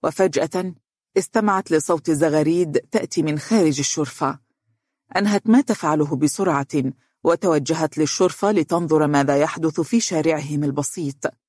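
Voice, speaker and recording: A storyteller reading an audiobook in a calm, measured way coming through in the dialogue. The voice sits at a middle pitch, and the recording is dry and close with no room sound. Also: dry recording. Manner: steady, measured narration. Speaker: narrator.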